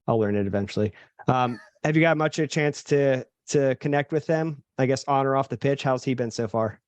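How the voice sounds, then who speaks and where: Male co-host, mid pitch, dry mic, meandering questioner. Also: dry recording. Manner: halting, restarts questions, casual. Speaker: podcast co-host. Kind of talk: casual podcast interview.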